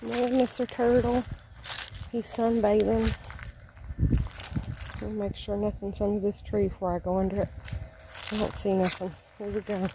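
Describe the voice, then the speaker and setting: A woman's voice: medium pitch, little pitch movement, moderate pace, long pauses, background noise. A woman chatting to viewers while walking by a lake, a little out of breath. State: slightly out of breath. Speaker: vlogger. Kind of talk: casual vlog narration. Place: outdoors by a lake, woods.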